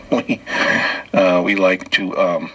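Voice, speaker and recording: A man's voice: deep voice, steady tone, slow pace, a bit bright, slightly rough, poor audio. A man hosting his own podcast and telling wry, off-the-cuff jokes alone, chuckling between the bits. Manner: loose and off-the-cuff, with restarts. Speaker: podcast host. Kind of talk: solo comedic podcast monologue.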